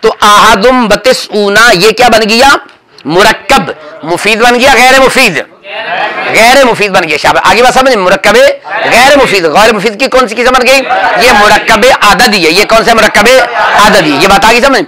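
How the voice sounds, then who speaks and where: A man teaching a classroom grammar lesson, drilling his students with rapid questions and calling out answers. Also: high-pitched, animated, crowd noise, rough recording. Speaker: religious teacher.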